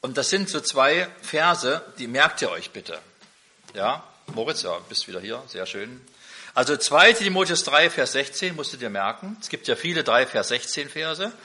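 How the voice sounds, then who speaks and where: A man's voice: medium pitch, very animated, moderate pace, sharp tone. A middle-aged man preaching a sermon, emphatic, with repeated rhetorical questions.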